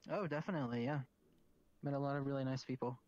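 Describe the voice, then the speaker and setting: A man's voice: mid-range voice, quick pace, a little mellow, no room sound, dull audio. A man playing a newcomer in a virtual-world role-play, friendly and a little hesitant.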